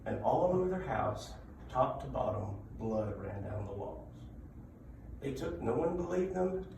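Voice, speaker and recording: Guy telling spooky local legends in a casual talk, kinda gravelly, picked up far from the mic in a boomy room. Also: big pitch swings, unhurried, a little mellow. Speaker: public speaker telling local ghost stories. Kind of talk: informal live storytelling talk on local legends. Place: indoor room at a library talk. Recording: echoey room from afar, background noise.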